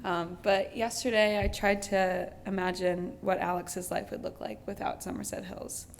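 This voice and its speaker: A woman's voice: mid-range voice, little pitch movement, normal speed, vocal fry, a little hiss or hum. Young woman speaking in a reverberant hall. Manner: light, with filler "um"s. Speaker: graduate's sister giving a speech. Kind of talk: prepared family speech at a graduation. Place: event hall.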